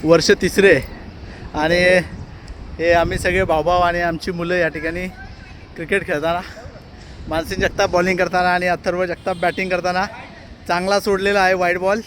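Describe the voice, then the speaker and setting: A man's voice: high voice, flat delivery, a little fast, fairly bright tone, slight background noise. A man giving playful, announcer-style commentary on a family cricket match outdoors, filmed on a handheld camera.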